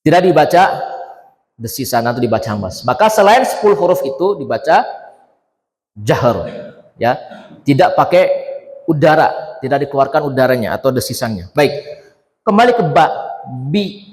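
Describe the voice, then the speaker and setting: A man's voice: medium pitch, very animated, normal speed, long pauses, a little mellow. A male Quran teacher giving a tajwid lesson, drilling letter sounds one syllable at a time and quizzing his students. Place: Islamic centre hall. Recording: echoey hall with long reverb.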